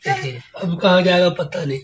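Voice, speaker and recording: High-pitched and moderately paced, a family vlogger chats to his audience from home on a handheld phone, calling them his friends again and again. A little hiss or hum sits under the recording.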